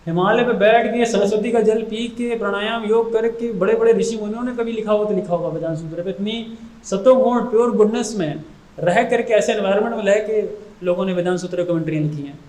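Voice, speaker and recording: A man with a high voice gives a devotional talk and tells stories with energy. He often slips into English phrases as he speaks. His voice rings around a roomy, echoing space. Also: fairly quick. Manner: lively storytelling, switching often into English phrases. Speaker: spiritual speaker.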